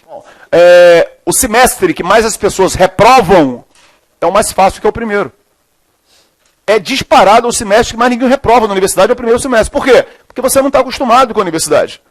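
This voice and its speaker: Middle-aged man, high-pitched, informal classroom lecturer who dictates slowly and then rattles off jokes, dry close sound. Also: no echo. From Brazil. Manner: lively, informal, jokey, switches between slow dictation and fast talk. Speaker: chemistry teacher.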